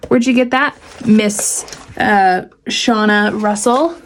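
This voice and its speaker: A woman's voice: medium pitch, takes it slowly. A woman hosting a casual painting tutorial in her home studio, reading out steps and breaking in with sarcastic, playful asides. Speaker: art tutorial host.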